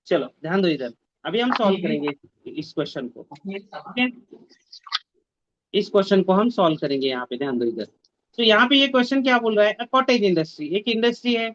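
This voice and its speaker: A man's voice: high-pitched, a bit bright, no echo, highs cut off. A man teaching a math lesson in an online class, mixing Hindi and English and repeating his instructions. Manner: mixes Hindi and English, repeats instructions, scolds students to mute mics. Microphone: video call.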